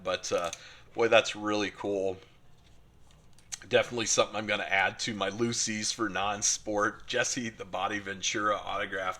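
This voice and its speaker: A man's voice: fairly low pitch, pushed and bright. A middle-aged man from the United States chatting casually and enthusiastically as he opens collector mail, with many fillers. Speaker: card collecting channel host. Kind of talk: casual unboxing chat.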